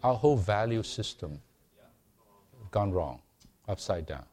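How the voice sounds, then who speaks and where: A man preaching a sermon to a congregation, earnest and unhurried, growing emphatic as he reads and explains scripture. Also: fairly low pitch, lively intonation, a little mellow, breathy edge. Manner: slow, earnest, calls for amens, rising to emphatic preaching.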